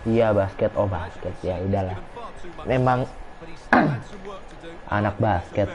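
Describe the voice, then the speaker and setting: A man's voice: low-pitched, slow pace, a little mellow. A man streaming a football video game, reacting to plays and chatting with viewers as he reads comments. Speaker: gaming streamer. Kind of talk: casual live game commentary. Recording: dull lo-fi stream audio, faint noise.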